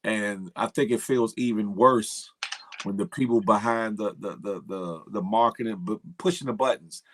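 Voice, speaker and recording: A man's voice: on the low side, moderate pace, fairly bright tone, a little hiss or hum. A man hosting a casual chat, speaking informally and often repeating his phrases. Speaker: show host.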